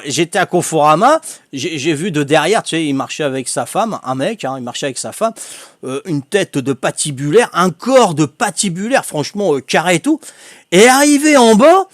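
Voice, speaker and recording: An older Corsican man with a high, light, clear voice tells casual anecdotes to his stream in a rambling, chatty way, laughing often. His speech is full of fillers and repeats, and the sound is close and dry with no room echo.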